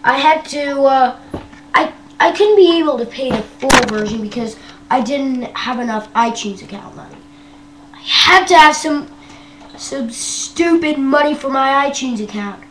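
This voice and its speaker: High-pitched, hesitant young woman from Canada. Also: a little slow. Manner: hesitant, many ums and wells. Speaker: vlogger. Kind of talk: casual screen-tour vlog. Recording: roomy echo with faint hum.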